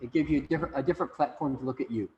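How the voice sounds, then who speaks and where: A man's voice: mid-range voice, racing, mellow, lo-fi sound. A man teaching an online class in a casual, joking, rambling way, often repeating words, over a video call. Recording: long reverb, faint room noise.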